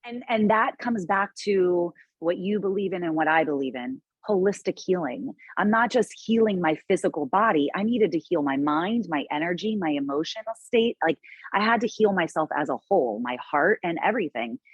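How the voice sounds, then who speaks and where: A woman's voice: fairly low pitch, lively intonation, normal speed, slightly rough, no echo, highs cut off. A woman guest in a casual interview, speaking earnestly and reflectively with frequent restarts.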